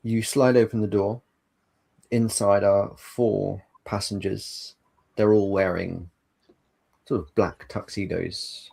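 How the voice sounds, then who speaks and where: A man narrates a tabletop role-playing game as its game master. His voice is low, gravelly and husky. He sets scenes in an unhurried, descriptive manner. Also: flat delivery, mellow.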